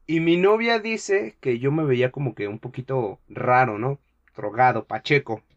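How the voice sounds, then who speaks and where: A man's voice: medium pitch, moderate pace, lo-fi sound. A young man with a Mexican Spanish accent, chatting casually as a podcast host and telling a story full of slang, acting out what people said. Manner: animated storyteller, slangy, acts out quotes. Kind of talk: casual chat.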